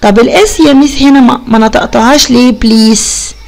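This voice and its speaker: Gravelly-voiced Egyptian teacher woman. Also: a little high. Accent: Egyptian Arabic. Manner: slow drawn-out English model words, lively teacherly questions. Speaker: English teacher. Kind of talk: children's English lesson.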